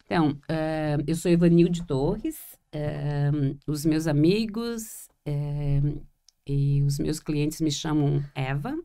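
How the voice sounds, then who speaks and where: A woman's voice: low voice, takes it slowly, dark tone, smooth. A woman from Florianópolis with its local accent, a therapist co-hosting a podcast, talking reflectively and hesitantly with many fillers. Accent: Florianópolis Portuguese. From Florianópolis, Brazil. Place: small room with three people.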